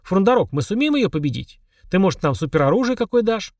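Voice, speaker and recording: A man voicing an eager, cheeky boy twin, pitched well up from his own voice. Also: big pitch swings, quick pace, a little mellow, no echo, studio quality.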